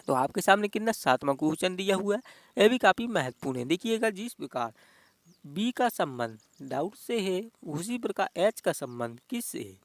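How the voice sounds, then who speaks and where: A man with a high-pitched voice walks students through an exam-prep reasoning lesson. He talks in a coaxing, repetitive way and keeps checking that the viewers follow along. The sound is dry and close. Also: very animated, normal speed, no echo. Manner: repetitive, coaxing, addresses viewers as dear friends. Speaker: teacher.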